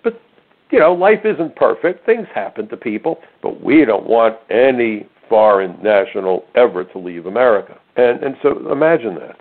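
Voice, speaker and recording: An older man hosts a conservative talk radio show, delivering a monologue in which he tells stories emphatically and throws in sarcastic asides. His mid-range voice is very animated at a moderate pace. The audio is narrow and phone-like, as on radio.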